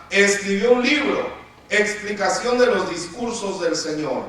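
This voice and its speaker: A man's voice: sits high, a bit bright. A man preaching a sermon who keeps calling out to his listeners as brothers and acts out the complaints of churchgoers. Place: church hall. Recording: echoey church hall from far off.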